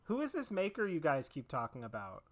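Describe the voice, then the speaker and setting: A man's voice: on the high side, huge pitch swings, a little fast. A man reading the lines of an ordinary young male hero in a casual script read-through, with a dry, sarcastic delivery.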